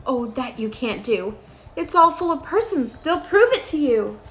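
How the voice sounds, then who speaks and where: Gentle big male elephant played by a woman, high voice, earnest, imploring, loyal, children's storybook read-aloud. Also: big pitch swings, measured pace, heavily acted, rough recording. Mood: urgent pleading.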